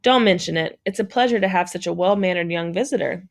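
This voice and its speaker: A woman's voice: lowish voice, quick pace, gravelly. A woman reading aloud, voicing a kind motherly woman in a children's storybook. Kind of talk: audiobook reading.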